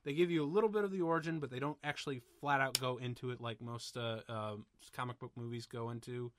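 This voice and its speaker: A man co-hosting a podcast, chatting casually about a movie in an excitable, rambling way with plenty of swearing. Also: medium pitch, fast, noisy background. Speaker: podcast co-host. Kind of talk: casual movie commentary chat.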